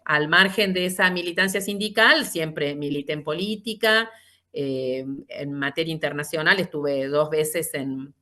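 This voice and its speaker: A woman in her fifties with an Argentine accent, giving a measured, unhurried account as an interview guest, with frequent fillers and restarts. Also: sits low, sharp tone. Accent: Argentine Spanish. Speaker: interview guest, lawyer and party leader. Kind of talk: long reflective answer in an interview.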